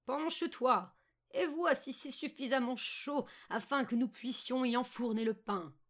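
A woman voicing a cruel, half-blind old witch who barks her orders in a shrill, impatient voice. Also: unhurried. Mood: menacing.

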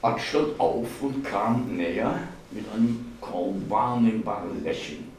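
A man giving a literary reading of a novel at a public event, narrating in a measured, expressive way. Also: lowish voice, slight background noise. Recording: echoey hall, voice far from mic.

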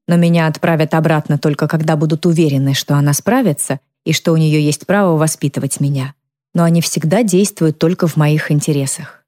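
A woman calmly narrating a first-person novel as an audiobook reader. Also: deep voice.

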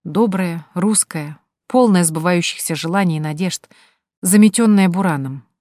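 Woman narrating an audiobook, low-pitched. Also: normal speed, darkish tone, no room sound, studio quality. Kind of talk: scripted narration.

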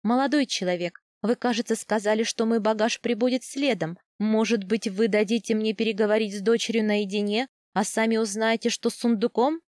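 A woman voicing a brisk, wry noble mother in a storybook reading. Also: fairly high pitch, steady tone, a little mellow, dry recording, studio quality, close to an everyday voice.

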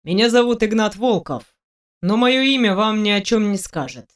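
A woman's voice: medium pitch, expressive, moderate pace, close to an everyday voice. A woman reading an audiobook, voicing a stubborn young man who answers with sarcasm and defiance. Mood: defiant.

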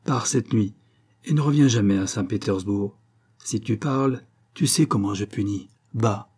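A man's voice: lowish voice, normal speed, a little mellow, husky. A man voicing a menacing male tsar who speaks in terse, threatening phrases in a storybook reading. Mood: imperious.

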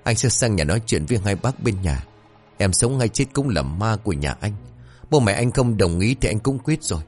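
A man's voice: fairly low pitch, big pitch swings, moderate pace, darkish tone, soft background music. A man voicing a grieving, obstinate young man who speaks in a pleading, insistent way in a told ghost story.

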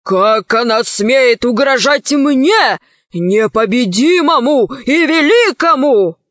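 A woman's voice: high-pitched, animated, slow, fairly bright tone, no echo, exaggerated voice. A woman voicing a pompous, scarred villainous male admiral who talks with gloating, mock-courteous grandeur. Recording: dry, dull lo-fi recording.

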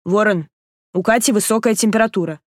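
A woman voicing a calm, curt young man who is the story's hero, in her own reading voice. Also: mid-range voice, fairly quick, no room sound, studio quality, close to an everyday voice. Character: protective young man, the first-person hero.

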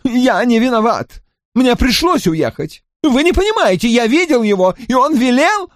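A shrill, whining cowardly dandy. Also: male voice, sing-song, normal speed, dry recording, clean studio sound. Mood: panicky. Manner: high-pitched, shrill, pleading. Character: whiny panicky dandy gentleman, cowardly.

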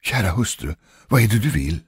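A man voicing a stern, wealthy gentleman who orders his servants about, in a spoken ghost story. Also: lowish voice, sing-song, husky, no room sound, exaggerated voice. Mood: curt. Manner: curt, commanding. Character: stern rich gentleman, master of the house.

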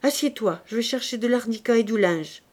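A woman's voice: on the high side, brisk, a little mellow, natural voice. Stern but kind young woman lecturing the poor, woman narrator doing her lines. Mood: firm. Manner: firm, scolding but kind.

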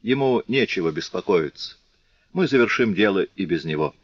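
Guy doing a heartfelt pleading rebel, earnest, deep voice, muffled lo-fi audio. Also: animated, moderate pace, slightly rough, no room sound. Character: compassionate male revolutionary pleading with comrades.

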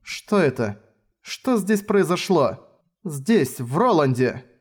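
A man's voice: on the high side, animated, moderate pace, a little mellow. A man voicing an earnest, brave young noblewoman trained with the sword, speaking in a raised, girlish register. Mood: shaken.

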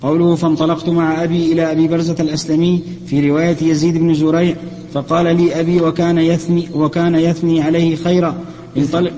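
A man reads a classical text aloud in a lesson, his voice somewhat high and mellow. He keeps a flat, even recitation and corrects the odd slip as he goes. The recording is dull and lo-fi, with a long reverb from a big hall. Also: quick pace. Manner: steady, even recitation with small self-corrections. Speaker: student reading the text aloud for the sheikh.

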